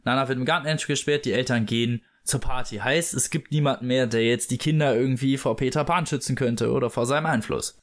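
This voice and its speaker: A man's voice: medium pitch, fairly quick, few pauses. A man casually retelling a story as a host, loose and full of fillers. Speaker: host reading and discussing a book. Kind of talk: casual chat and book read-aloud.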